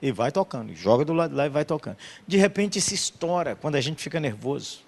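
An older pastor tells stories from the pulpit from his homeland. His voice swings from loud, rising bursts down to soft, quiet murmurs. The delivery is emotional and personal. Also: fairly high pitch, expressive, fast, vocal fry. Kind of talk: storytelling sermon.

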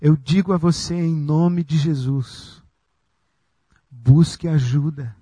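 A man preaching a sermon as pastor, slow and emphatic with long pauses. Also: on the high side, mellow, breathy edge, dry recording.

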